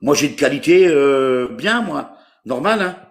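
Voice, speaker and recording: A man's voice: medium pitch, lively intonation, measured pace. A man in his fifties from France, talking hesitantly on a live call and searching for his words. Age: 50s. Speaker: caller seeking a partner.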